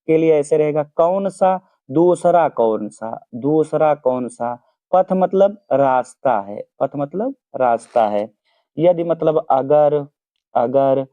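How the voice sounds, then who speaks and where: A man teaching a Hindi poem to school students, giving each word's meaning slowly and repeating it so they can write it down. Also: on the high side, animated, dry recording. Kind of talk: explaining poem word by word. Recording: dry, phone-like narrow sound.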